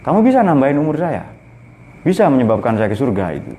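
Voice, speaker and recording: A man voicing a cheeky, eccentric holy fool sheikh who mocks a king with drawn-out, teasing calls. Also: medium pitch, sing-song, dark tone. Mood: mocking.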